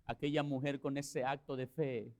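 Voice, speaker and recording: A man preaching a sermon as pastor, telling a story with rising passion and quiet, slow passages. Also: medium pitch, level tone. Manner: impassioned preaching, swelling to shouts then dropping soft.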